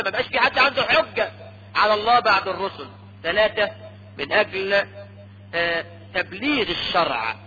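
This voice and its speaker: A man preaching a lecture sermon in an Egyptian Arabic accent, lively and teasing, often checking his audience with a quick question. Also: high-pitched. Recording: dull lo-fi lecture tape with faint hum.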